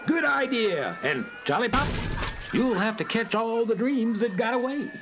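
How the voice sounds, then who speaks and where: Man acting flying boat captain, high-pitched, animated, theatrical, children's radio drama, clear noise behind. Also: a little slow, full character voice. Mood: commanding.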